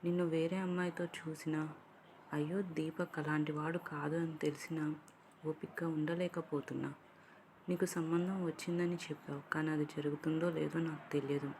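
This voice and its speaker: Woman reader as a lovesick young woman, soft-spoken, low voice, faint hiss. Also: level tone, normal speed. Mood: heartbroken. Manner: emotional, soft-spoken confession. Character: heartbroken young woman in love, quietly patient.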